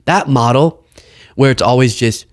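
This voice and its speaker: A man's voice: medium pitch, no room sound, clean studio sound. A man hosting a political commentary show, talking casually and sarcastically as he reacts to clips. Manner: sarcastic, mocking impressions.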